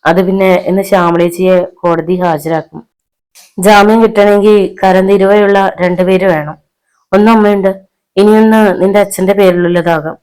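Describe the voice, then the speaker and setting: A woman voicing a violent, hot-tempered young husband in a storybook reading, with a harsh, shouting manner. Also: medium pitch, fairly even intonation, moderate pace, clear, resonant tone, natural voice, rough recording. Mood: angry.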